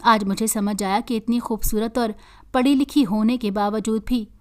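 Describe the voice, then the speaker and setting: A woman storyteller reading a moral story in an earnest, steady way. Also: fairly high pitch, normal speed. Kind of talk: scripted story narration.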